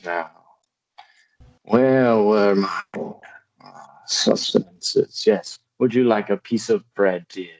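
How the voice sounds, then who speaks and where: A man voicing a weary aging lord and general who is a formal, fatherly figure, speaking in a slow, old-fashioned way with an attempted British accent that slips toward Scottish. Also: fairly low pitch, darkish tone, poor audio.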